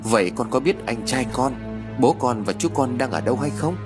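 A male narrator voicing a grave middle-aged exorcist master who questions calmly. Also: medium pitch, moderate pace, music in the background, lightly acted.

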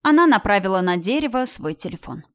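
A woman narrates a novel at a middling pitch. Her reading is even and expressive, and her pace stays steady through each passage. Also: fast. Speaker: audiobook narrator. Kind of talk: scripted narration.

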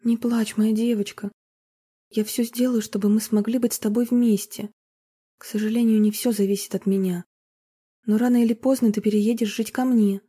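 Woman reading a tense grown woman, coldly controlled, mellow husky tone, storybook. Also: fairly high pitch, steady tone, moderate pace. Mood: tender. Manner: controlled, cold, holding back fury. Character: Marina, a tense adult woman fighting for a foster girl.

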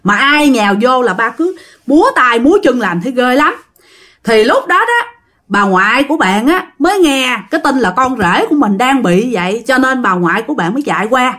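A woman with a Southern Vietnamese accent tells a ghost story casually, her high-pitched voice animated and fairly bright at a moderate pace. She chats straight to her listeners and acts out the quoted speech.

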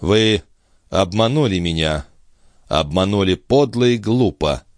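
Guy doing an angry young brother in an audiobook, bitter and accusing, lowish voice, dry sound. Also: expressive, unhurried, no echo. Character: hot-tempered young man, wounded and furious brother.

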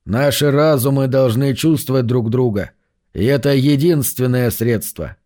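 A man voicing a proud, cold male android leader in an audiobook, speaking slowly and commandingly. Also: medium pitch, darkish tone, lightly acted.

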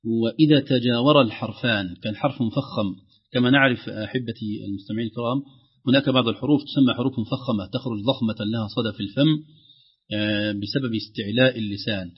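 Male tajweed teacher, patient, husky voice, muffled lo-fi broadcast sound. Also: mid-range voice. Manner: patient, explains slowly, models recitation with drawn-out words. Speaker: Quran recitation teacher. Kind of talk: live radio tajweed lesson.

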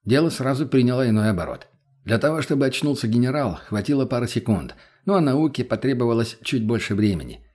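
A man's voice: medium pitch, animated, quick pace, darkish tone, husky. A man narrating an audiobook in a blunt, crude, matter-of-fact way.

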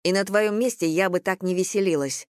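A reader voicing a quick-tempered young woman who talks sharply and bluntly. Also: mid-range voice, smooth, no room sound, clean studio sound, lightly acted. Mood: fierce. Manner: sharp, forceful.

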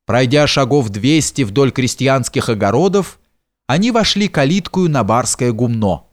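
A man narrating a historical novel in a measured storytelling manner. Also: mid-range voice, expressive. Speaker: audiobook narrator.

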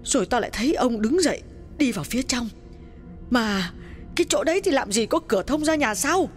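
A woman voicing a frightened older village woman in an audiobook, speaking in a trembling, hushed and urgent way. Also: mid-range voice, lively intonation, moderate pace, faint music behind, close to an everyday voice. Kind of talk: audiobook dialogue reading.

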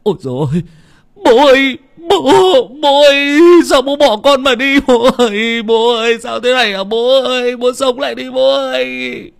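A man voicing a grief-stricken, simple-minded young village man who wails high and loud and stammers. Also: expressive, moderate pace, husky, no echo, clean studio sound. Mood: wailing.

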